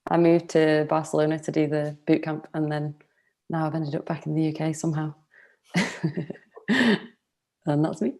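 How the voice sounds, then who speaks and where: Very low, warm woman. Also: level tone, moderate pace, long pauses. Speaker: bootcamp graduate. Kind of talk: casual self-introduction. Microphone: video call.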